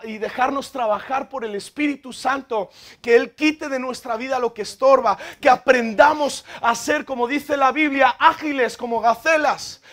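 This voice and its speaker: A man with a Spanish accent from Spain, preaching an animated sermon as pastor, acting out voices and calling out to the congregation. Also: very high voice. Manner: animated, acts out biblical figures, calls out to the congregation. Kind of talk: lively sermon with acted-out voices.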